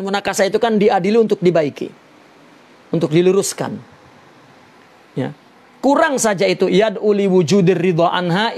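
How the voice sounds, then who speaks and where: A man teaching a religious lesson on a Sufi text, slow and deliberate, explaining Arabic terms with many "ya" fillers. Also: high-pitched, a little mellow.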